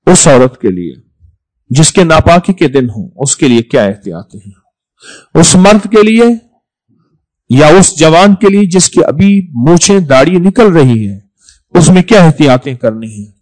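A man's voice: on the high side, animated, rough recording. Emphatic male preacher with a raised voice. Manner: repetitive, emphatic, swings between loud stresses and soft drops. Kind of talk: sermon.

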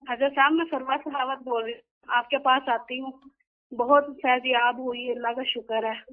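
A woman's voice: sits high, steady tone, moderate pace. A woman calling in over a crackly, unclear phone line, speaking earnestly and pleading, often repeating herself. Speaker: caller. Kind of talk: phone-in call to a spiritual guide.

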